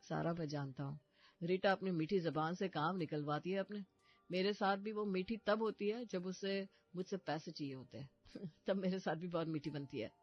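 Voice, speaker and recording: Man, calm reassuring brother, high voice, dull audio, faint music. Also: moderate pace.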